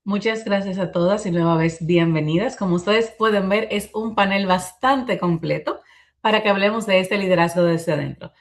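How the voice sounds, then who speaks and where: A woman's voice: medium pitch, moderate pace. A woman moderating an online panel, introducing speakers and guiding questions fluently. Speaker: webinar moderator. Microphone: video call.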